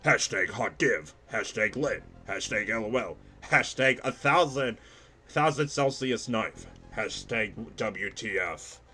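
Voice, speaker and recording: A man voicing a gloating, boastful male castle boss with a booming mock-evil laugh, reading in-game messages aloud. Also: lively intonation, takes it slowly, pushed and bright, faint music behind, full character voice.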